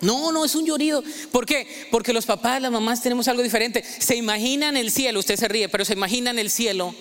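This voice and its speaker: A man's voice: extremely high pitch, steady tone, quick pace, fairly bright tone, clear, resonant tone. A man preaching a sermon as pastor, leading his congregation in call-and-response in a church. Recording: echoey hall.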